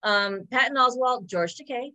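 A woman's voice: on the high side, sharp tone. A woman co-hosting a podcast, running through a list in casual chat with fillers. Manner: quick list-reading with fillers. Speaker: podcast co-host.

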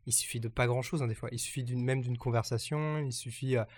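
A man's voice: medium pitch, fairly even intonation, quick pace. Hesitant man chatting about news. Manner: hesitant, many fillers and restarts. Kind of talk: casual news chat.

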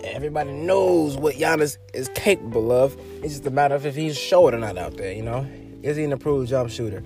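A man's voice: medium pitch, fairly quick, creaky, mellow, faint music behind. A man hosting his own podcast, rambling casually through sports talk with loose, profane wording, fillers and restarts. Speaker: podcast host.

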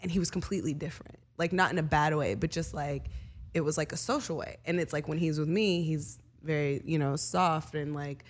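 Low-voiced woman telling a candid story. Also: brisk. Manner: candid storytelling, lots of filler "like", casual profanity. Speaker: podcast guest. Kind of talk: casual podcast chat.

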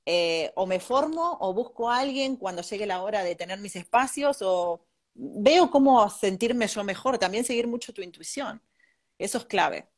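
A woman's voice: mid-range voice, lively intonation, moderate pace. A young woman with an Argentine accent, a guest architect chatting casually and rambling, laughing often. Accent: Argentine Spanish. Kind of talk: casual interview chat.

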